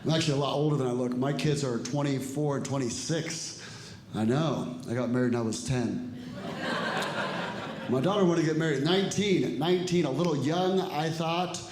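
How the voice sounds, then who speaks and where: A man's voice: fairly high pitch, a little fast. Dry, self-deprecating stand-up comedian, a man. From Ecuador and El Salvador. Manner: dry, self-deprecating delivery with acted-out dialogue. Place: comedy club stage with a live audience. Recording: echoey room with audience noise.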